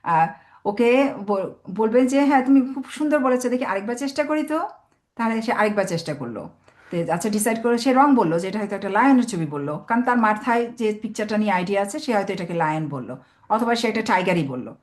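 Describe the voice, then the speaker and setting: A woman teacher hosts an online webinar for parents, talking over a video call. She explains things patiently and step by step. She sounds out single words slowly as she goes. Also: mid-range voice, lively intonation.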